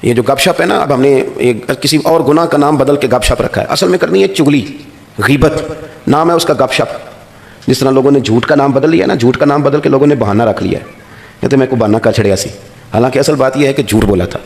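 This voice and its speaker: A man delivering a sermon to listeners. He tells moral stories and lifts his voice high and insistent to drive points home, then goes hushed and tender when he speaks as a parent. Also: vocal fry. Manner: rising to an emphatic, preaching pitch when stressing points. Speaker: preacher. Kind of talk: Islamic sermon.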